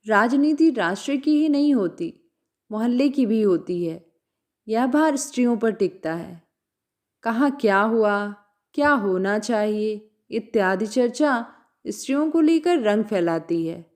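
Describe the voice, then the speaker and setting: A woman storyteller reads a literary short story aloud. Her voice sits a little high and she takes her time, unhurried and measured. The reading stays even throughout.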